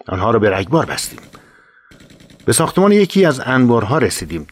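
A man reads a first-person war memoir in a grave, steady voice of ordinary male pitch. He lends the account dramatic weight without rushing, like a scripted audiobook narration.

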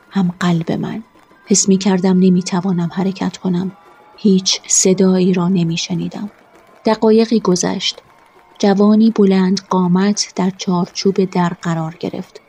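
A woman narrating a first-person story in a quiet, measured way. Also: mid-range voice, breathy edge.

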